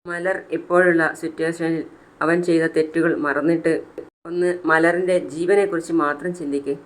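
A man's voice: fairly high pitch, level tone, moderate pace, close to an everyday voice. A narrator voicing a caring young man who reassures a crying mother. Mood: reassuring.

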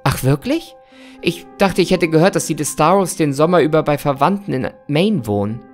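A man's voice: fairly high pitch, expressive, normal speed, soft background music, pitched above the performer's own voice, close to an everyday voice. A man voicing a cheerful, chatty woman boss in a spooky storybook reading. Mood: bubbly. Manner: bright, gushing, breezy.

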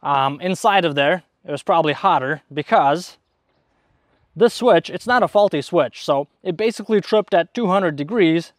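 This DIY repair host, a man in his thirties, has an expressive voice on the high side and talks at normal speed. The sound is studio quality with no echo, captured by a clip-on wireless chest mic while he demonstrates a repair informally and step by step in plain words at a garden table outdoors among the greenery.

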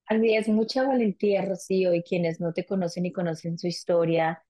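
Woman, TV interview host, low-pitched, earnest, encouraging. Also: steady tone, brisk, warm tone. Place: small studio set.

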